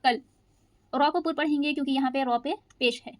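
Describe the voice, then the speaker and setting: A woman teaching Quran recitation rules, patiently explaining each rule and reciting verses slowly. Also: high voice, steady tone, no echo. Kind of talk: step-by-step recitation lesson.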